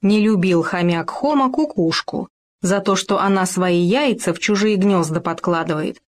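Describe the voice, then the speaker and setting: A woman narrating a children's fable aloud in a lively, expressive way. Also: on the low side, moderate pace.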